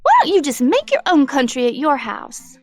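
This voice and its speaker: A woman's voice: high voice, sing-song, normal speed, faint music behind. A woman voicing a stern, fed-up hippie girlfriend in a cartoon, scolding and reproachful. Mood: disapproving. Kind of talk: cartoon game acting.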